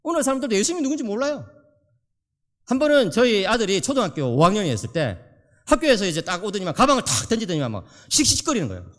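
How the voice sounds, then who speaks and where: Man, theology professor, sermon lecture, animated, rhetorical questions, very lively pitch, hall reverb. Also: rapid-fire. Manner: animated, asks the audience questions.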